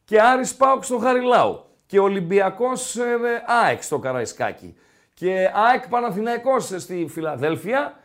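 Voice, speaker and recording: A man's voice: high voice, sing-song. A male sports radio host talking football in a casual, rambling way with many filler sounds, in a radio studio.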